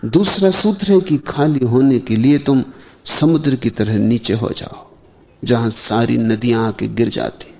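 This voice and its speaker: A man delivers a spiritual discourse in a slow, measured way, with long pauses between short phrases. His voice is mellow and dark, with a gravelly edge. He often turns to his listeners with rhetorical questions. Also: mid-range voice. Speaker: spiritual teacher.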